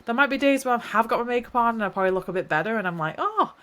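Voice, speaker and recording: A young New Zealand woman hosts a casual solo podcast, rambling in an earnest, heartfelt way. Hay fever leaves her slightly nasal and stuffy, and her high-ish, expressive, somewhat bright voice races along very fast.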